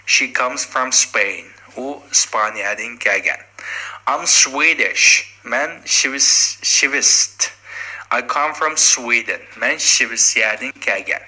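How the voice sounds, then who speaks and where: A man teaching a language lesson, reading example sentences slowly and then explaining them in quick runs with fillers. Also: medium pitch, sharp tone, poor audio. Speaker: English teacher.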